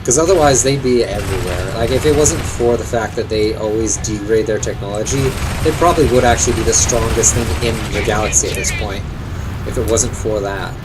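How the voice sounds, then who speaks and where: A man's voice: lowish voice, fairly quick. Rambling male gaming streamer. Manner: rambling, thinks aloud, swears. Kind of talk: casual gameplay commentary. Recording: streamed over game music.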